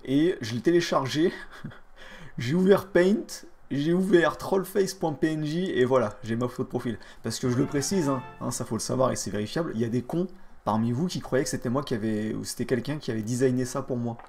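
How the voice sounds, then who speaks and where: Man, gravelly voice, live game-stream chatter, crude mocking trash talk, mumbled asides. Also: medium pitch, a little fast, slight background noise. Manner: mutters under his breath between louder outbursts. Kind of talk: casual live-stream commentary.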